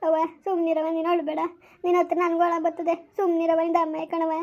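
A loyal young wife, voiced by a woman, soothing and pleading. She speaks in a very high, flat voice at a fast clip. The recording sounds dull and lo-fi.

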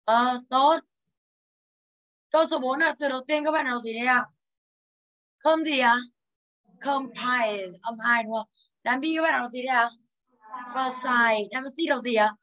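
A woman's voice: high-pitched, moderate pace, long pauses, a bit bright, poor audio. A young woman teaching English, going through exam answers and teasing her students as she asks them for each answer. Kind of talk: exam answer walkthrough lesson.

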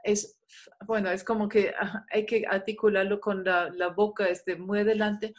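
A woman teaching German in an online video-call class, relaxed, with many fillers, slowly modelling German sounds. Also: mid-range voice.

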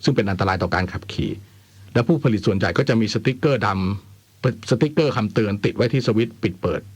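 Male radio host, slightly low voice, close dry studio sound, informal delivery, wry asides. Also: fast talker, breathy edge, dry recording. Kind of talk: radio phone-in chat and letter reading.

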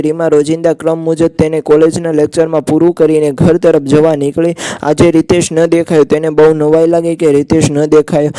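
A man narrating a scripted emotional story, steady and even. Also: fairly high pitch, clean tone.

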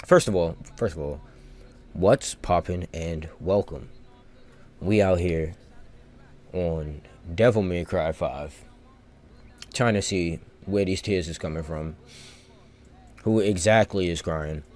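A man streams a video game and gives casual live commentary, rambling and thinking out loud in loose slang. His voice is low and slow, with long pauses.

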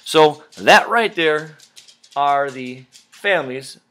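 A man teaching science with a high, bright voice that swings widely as he talks. He drills new words, stretching them out playfully and asking listeners to repeat after him. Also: takes it slowly. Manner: lively, playful, stretches key words and does a nasal pinched-nose voice.

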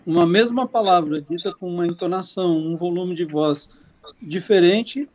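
A man with a high voice chats casually on a podcast. He rambles and circles back through many fillers and restarts. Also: normal speed, a little mellow. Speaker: podcast co-host. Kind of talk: casual chat.

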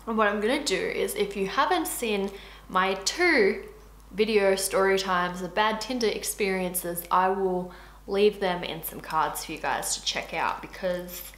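In an echoey space with faint hiss, a twenty-something beauty vlogger chats casually while eating, mouth full. She speaks a little slowly, with a medium pitch and a somewhat bright tone.

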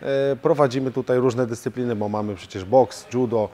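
A man who is a professional fighter and coach, answering interview questions in a steady way with frequent hesitation fillers, recorded in a martial arts gym. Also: mid-range voice, normal speed.

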